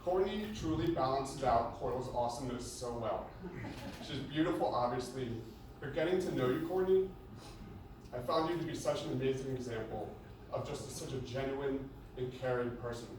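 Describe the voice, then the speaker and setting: A young man giving a humorous best man speech, joking and pausing between short phrases. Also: medium pitch, a little mellow. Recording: echoey venue, distant mic, noisy background.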